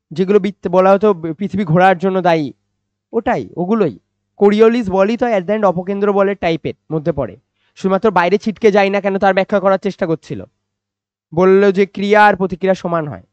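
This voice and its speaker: A man teaches physics in a slow, patient way. He repeats himself and asks his own questions, then answers them. The recording is dry and somewhat muffled. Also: sits high, no room sound. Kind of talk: classroom-style physics lecture. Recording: dry, slightly dull recording.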